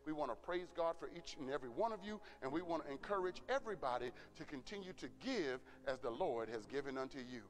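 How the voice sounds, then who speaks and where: Man, middle-aged pastor, earnest announcements, fairly high voice, long echoing reverb. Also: animated, quick pace, few pauses. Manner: earnest, repeats words, asks "Amen?". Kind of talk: church announcements.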